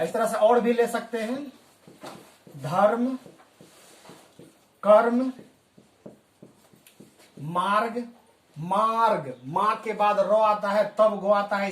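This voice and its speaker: A male teacher giving a spoken language lesson, patiently explaining and slowly repeating example words. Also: high voice. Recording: echoey room, voice from a distance.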